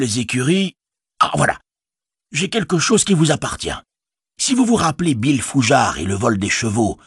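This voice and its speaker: A man voicing a chatty, fretful stout innkeeper who rambles and exclaims, with a husky voice. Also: medium pitch, no room sound, studio quality, pitched above the performer's own voice, exaggerated voice. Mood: excited.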